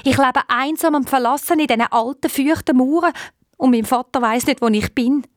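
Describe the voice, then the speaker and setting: A woman with a Swiss German accent voicing a sorrowful young princess who was turned into an owl, speaking in a hoarse voice. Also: sits high, normal speed, no room sound, clean studio sound, natural voice. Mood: plaintive.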